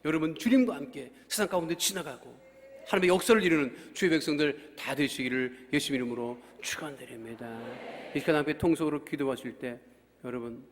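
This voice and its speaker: A middle-aged male pastor delivers an impassioned revival sermon. His voice sits high and keeps bursting into shouts. It is miked through a PA, and a long reverb rolls through the large church hall. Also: fairly quick, a little hiss or hum. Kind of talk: revival sermon with story and prayer.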